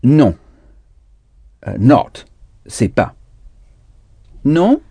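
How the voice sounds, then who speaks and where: A man's voice: medium pitch, big pitch swings, extremely slow, dark tone, husky, no room sound. A man teaching a recorded language lesson, patiently repeating words and spelling them out letter by letter.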